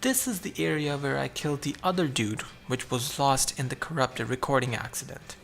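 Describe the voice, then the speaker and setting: A man's voice: mid-range voice, moderate pace, gravelly, a bit bright, faint music behind. A man narrating his own survival game playthrough, chatty and explaining each move as he goes. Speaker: gameplay narrator.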